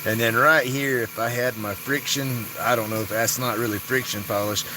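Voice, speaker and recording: A man's voice: mid-range voice, fairly even intonation, normal speed. A man with a Southern US Appalachian hillbilly accent chatting casually and folksily on a livestream while he works, sometimes getting tongue-tied. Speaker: woodturning livestreamer. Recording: noisy workshop, machine hum behind voice.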